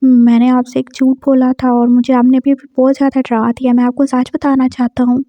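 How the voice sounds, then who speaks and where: A shy, tearful young man , as a woman storyteller puts him on, begs in a soft, anxious voice. The pitch sits high, and the recording is dry and a little dull. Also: completely flat delivery, a little fast, no room sound. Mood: hesitant.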